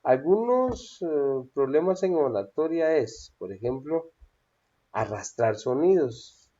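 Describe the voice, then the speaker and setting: A man teaching a lesson on public speaking in a measured, instructive way, often addressing his listeners directly. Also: fairly high pitch, animated, mellow. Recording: dull lo-fi phone recording.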